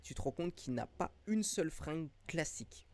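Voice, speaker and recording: A man's voice: on the high side, expressive, moderate pace, darkish tone. A man improvising tabletop game narration as game master, in a casual, slangy way.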